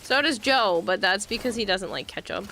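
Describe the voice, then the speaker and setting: A woman's voice: mid-range voice, expressive, normal speed, sharp tone, a little hiss or hum. A young adult woman streamer chatting casually and rambling with lots of fillers during a livestream.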